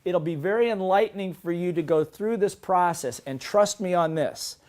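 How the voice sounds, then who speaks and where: Middle-aged guy giving a motivational seminar, a bit high-voiced, peppy, keeps quizzing the crowd. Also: moderate pace. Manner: energetic, asks the audience rhetorical questions. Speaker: seminar presenter.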